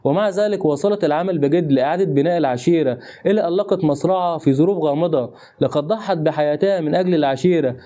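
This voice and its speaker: A narrator voicing a resolute young heir. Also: male voice, a little high, racing, dark tone, natural voice. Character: determined young male heir, reborn. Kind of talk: recap narration voicing a character.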